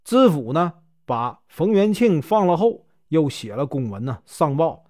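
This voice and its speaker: A Northeastern-accented man tells a classic tale in a folksy storytelling voice, drawing out little filler syllables. His pitch sits slightly high and moves lively, and the recording is dry and close. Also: a little slow, no echo. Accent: Northeastern Mandarin. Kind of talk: storytelling narration.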